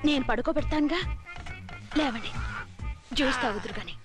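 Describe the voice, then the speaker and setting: A woman's voice: high-pitched, brisk, over music, natural voice. An actress playing a doting young wife who coaxes and teases her husband. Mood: coaxing. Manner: coaxing, teasing, sing-song. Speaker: wife in a film scene.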